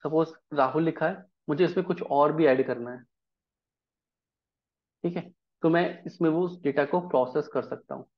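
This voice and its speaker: In a Hindi programming lesson, a man walks the class through code step by step and often checks that everyone is following. His voice is a little high and his speed normal, with long pauses. The audio sounds dull.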